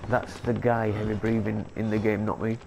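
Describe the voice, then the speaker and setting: A man with a cold-congested voice does casual let's play commentary of a horror game, fumbling long words as he reads notes out. He speaks at a fairly low pitch and normal speed, with a flat, creaky delivery, and there is background noise.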